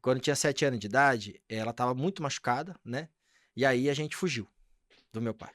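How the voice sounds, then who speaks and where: A man's voice: mid-range voice, fairly quick, fairly bright tone, no room sound, studio quality. A man, a podcast guest, telling an emotional personal testimony and acting out the voices in his dialogue.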